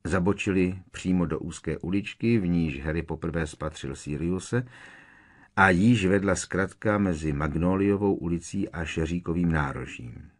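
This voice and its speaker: A man narrating an audiobook in a measured storytelling way, giving each character his own voice. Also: low-pitched.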